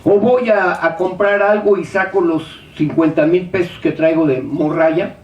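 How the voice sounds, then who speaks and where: A man preaching a sermon in a high, bright register, heard from some way off the microphone. He keeps firing rhetorical questions and acts out the doubts of his listeners. The church hall echoes around him, with a faint room hum behind. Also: moderate pace, lo-fi sound. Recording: echoey hall, speaker far from mic.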